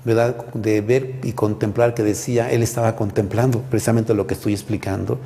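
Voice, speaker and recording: A priest with a Mexican Spanish accent, explaining the Mass in a reflective teaching manner and often pausing to ask "¿verdad?". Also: male voice, lowish voice, little pitch movement, vocal fry, dark tone, a little hiss or hum. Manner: reflective, with frequent "¿verdad?" and halting repetitions. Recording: hall reverb with faint music behind.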